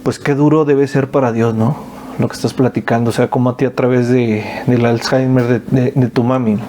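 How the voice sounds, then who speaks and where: A man from Mexico hosting a friendly conversation, speaking reflectively and giving soft backchannels. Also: medium pitch, little pitch movement, a little fast, a little hiss or hum. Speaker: podcast host. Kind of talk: casual conversation.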